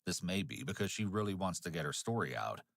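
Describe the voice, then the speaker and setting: A man reading scripted true-crime narration in a measured, dramatic way. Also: sits low, big pitch swings, a bit bright, no room sound, studio quality. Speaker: documentary narrator.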